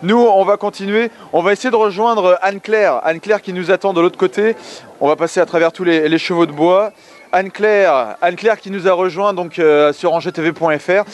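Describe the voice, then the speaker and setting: A man's voice: sits high, brisk. A man hosting casually on location at an outdoor fair. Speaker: web TV host. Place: outdoor winter fair with carousel. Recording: faint noise of an outdoor fair.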